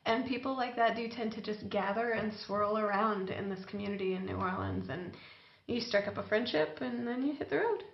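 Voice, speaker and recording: A woman's voice: mid-range voice, expressive, vocal fry. Articulate woman in an echoey room. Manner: articulate, measured explanations. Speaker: musician guest. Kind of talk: casual interview chat. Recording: echoey room, dull lo-fi sound.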